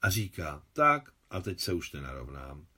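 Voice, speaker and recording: A man's voice: very deep voice, very animated, pushed and bright, breathy edge, voice pushed down, exaggerated voice. Man reading as a bossy, chattering young woman. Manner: chattering, commanding. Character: brisk, bossy young woman friend, a take-charge helper.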